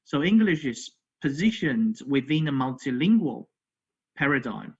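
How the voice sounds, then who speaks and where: A man's voice: medium pitch, sing-song, a little slow, husky, lo-fi sound. A man giving an academic conference lecture remotely, hesitant, with many fillers and frequent "okay" check-ins. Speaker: academic presenter. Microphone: video call.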